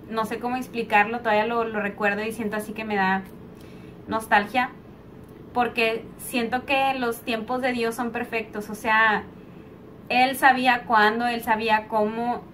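A woman's voice: fairly high pitch, level tone, measured pace, fairly bright tone, slight background noise. A young woman with a Mexican accent tells a rambling, chatty story-time vlog, full of fillers, recorded on a slightly distant mic. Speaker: vlogger. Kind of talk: casual story-time monologue.

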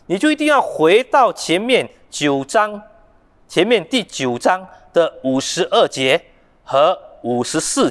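A man preaching a sermon, lively and full of rhetorical questions, acting out the quoted speech of others. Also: high-pitched, in a large hall. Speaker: pastor. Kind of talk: Mandarin sermon. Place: church sanctuary.

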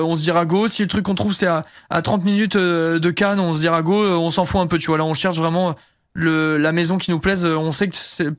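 A man's voice: high-pitched, no room sound, studio quality. A young man streaming a game, chatting casually and rambling with lots of fillers and casual swearing. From southern France. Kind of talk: casual live-stream chat while gaming.

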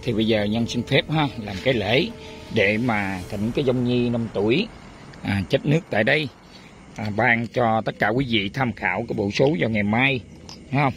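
A man talks casually to his viewers, complaining and calling out to them again and again. His voice sits at a middling pitch. Soft music plays faintly in the background. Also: moderate pace. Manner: chatty, complaining, addresses viewers often. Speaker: spiritual channel host. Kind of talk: casual talk to viewers and a chanted prayer.

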